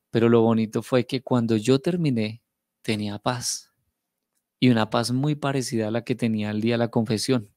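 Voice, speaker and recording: A man's voice: mid-range voice, no echo, studio quality. Earnest Colombian man telling his testimony. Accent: Colombian, Bogotá. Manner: earnest, emotional storytelling with repetitions. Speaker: testimony speaker. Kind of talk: personal faith testimony.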